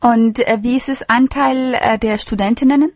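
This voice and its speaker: Higher-voiced woman radio interviewer, formal. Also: fairly even intonation, normal speed, no echo. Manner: formal, polite questioning. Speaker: radio show host, interviewer.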